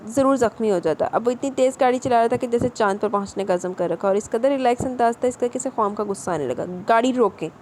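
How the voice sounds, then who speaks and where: A woman narrating a romance novel as an audiobook, in a steady, even storytelling voice. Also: a little high, few pauses, slight background noise. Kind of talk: reading a romance novel aloud.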